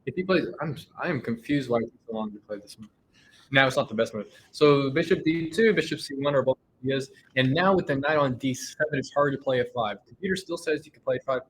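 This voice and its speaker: A man's voice: mid-range voice, fast, a bit bright, slight background noise, low-quality recording. A man commentating a chess game live, thinking aloud and often restarting his sentences.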